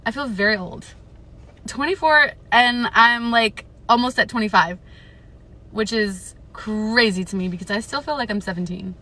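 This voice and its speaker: A woman's voice: on the high side, normal speed, sharp tone. A woman, reading a book aloud on a livestream and then chatting with viewers in a rambling way. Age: 20s. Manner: rambling and chatty, lots of filler words. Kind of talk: casual live chat and book reading.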